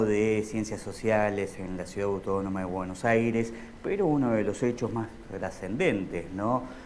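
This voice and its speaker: Chatty Argentine talk show host. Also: male voice, medium pitch, a little mellow, slight background noise. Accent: Argentine Spanish. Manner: chatty, frequent "¿no?" tags and "ujú" backchannels. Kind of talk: political talk show interview.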